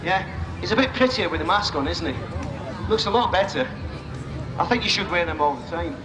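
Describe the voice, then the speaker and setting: Over an outdoor PA, a man announces a live stunt show to a crowd with informal, jokey patter, amid crowd, vehicle and outdoor noise. His high-pitched voice is lively and a little fast, sounding like it's in a large hall.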